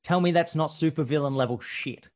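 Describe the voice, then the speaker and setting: A man co-hosting a podcast, telling a war story in casual chat, animated and laughing often, with casual swearing. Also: a little high, brisk. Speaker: podcast co-host telling history stories.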